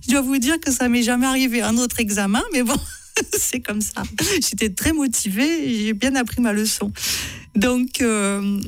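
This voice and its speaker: A woman's voice: a little high, dry recording. A woman author reading excerpts from her own writing to an audience, chatty and self-mocking, often laughing at her own lines.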